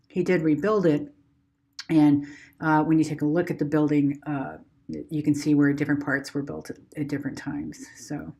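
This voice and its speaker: Female travel vlogger, low voice, casual unscripted narration, conversational and a little hesitant. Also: a little mellow.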